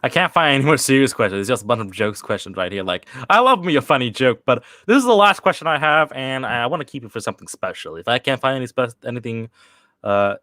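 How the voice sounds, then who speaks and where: Fielding questions from his live chat, the young Swedish channel host chats loosely, halting and rambling with many fillers and restarts. His medium-pitched voice has a sharp tone, with studio-quality sound and no room sound.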